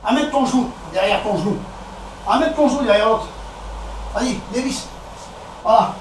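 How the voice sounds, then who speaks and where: A man with a French accent coaching a boxing session, counting out combinations and calling out punches in short, brisk commands. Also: extremely high pitch. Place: echoey boxing gym. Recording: echoey gym, distant camera, background noise.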